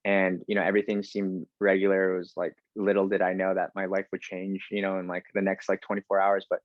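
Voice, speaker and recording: A little fast and totally flat, his low voice comes through with phone-quality sound and no echo. This thirty-something American guest on a podcast chats casually, restarting often and leaning on fillers.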